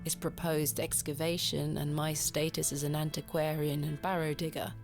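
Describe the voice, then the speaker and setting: A woman's voice: low-pitched, little pitch movement, moderate pace, soft background music. An actress playing a composed, determined lady antiquarian with formal, wry delivery in an adventure game. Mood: composed, resolute. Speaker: video game protagonist. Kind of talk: adventure game voice acting and narration.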